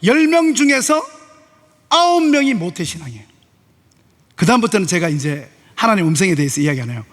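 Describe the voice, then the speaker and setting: High-voiced pastor preaching in a reverberant church. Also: male voice, a little fast. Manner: animated, acts out dialogue in shifting voices. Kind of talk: sermon with storytelling. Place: church sanctuary. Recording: long hall reverb of a church.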